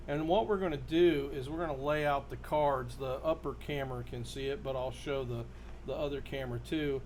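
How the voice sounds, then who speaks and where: A man giving a casual, halting demonstration to camera as a performer showing a card trick. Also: medium pitch, darkish tone. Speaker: magician and performer presenting his card trick. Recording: noticeable background noise.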